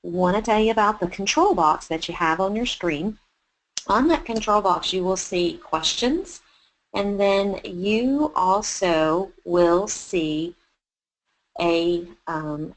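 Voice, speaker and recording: On a low-quality recording, a Texas-born chef hosts a webinar, walking people through it in a friendly, encouraging manner with plenty of fillers. Her voice, with its Texan accent, sits on the low side, and she takes her time.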